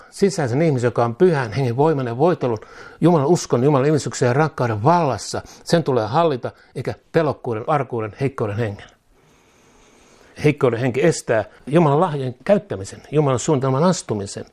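A man's voice: animated, darkish tone. Finnish man preaching with exclamations. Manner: leads congregation in call-and-repeat prayer, each phrase said twice; exclamations like "tang" and "boom". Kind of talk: charismatic sermon and led prayer.

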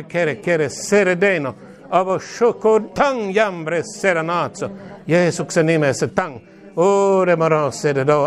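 A male preacher praying aloud and speaking in tongues, chanting repeated syllables and commanding in fervent prayer. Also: on the high side.

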